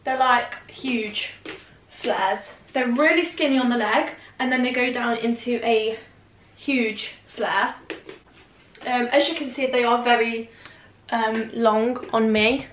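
A woman's voice: on the high side, takes it slowly, a bit bright, roomy sound. A young woman, chatting casually and self-deprecatingly through a fashion try-on haul at home, rambling with fillers. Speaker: fashion vlogger. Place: indoor room at home.

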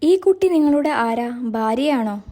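A woman voicing a stern hospital doctor who speaks briskly and firmly. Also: high voice, animated, warm tone. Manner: brisk, firm, reproachful.

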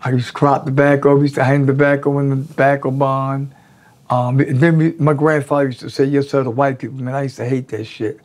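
Seated before a draped backdrop in an indoor studio, a man in his sixties is interviewed and tells casual, profane stories. He speaks fairly quickly in a mid-range voice, animatedly acting out the voices of the people he quotes.

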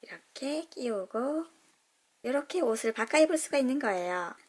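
A woman with a high-pitched, lively voice narrates a toy unboxing for children at a normal speed. As host of a toy unboxing channel, she gushes with delighted exclamations and explains each step in a sing-song, kid-friendly way.

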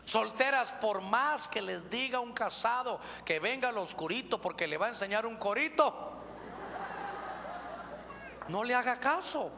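A male pastor with a Honduran accent, preaching a lively, joking sermon and calling listeners brother. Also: very high voice, unhurried, creaky. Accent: Honduran Spanish. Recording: reverberant church hall, faint noise.

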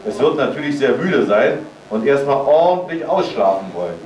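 Man reading as a steady, strict papa in a storybook, heard from a distance in a roomy hall. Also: medium pitch, moderate pace, a little hiss or hum, close to an everyday voice. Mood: stern. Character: calm, stern father of a small girl. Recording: roomy sound from far off.

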